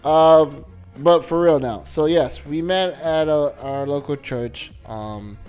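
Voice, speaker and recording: A man's voice: fairly high pitch, slow pace, darkish tone, smooth, soft background music. A young man hosting a casual podcast, joking and teasing his co-host as he talks. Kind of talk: casual chat.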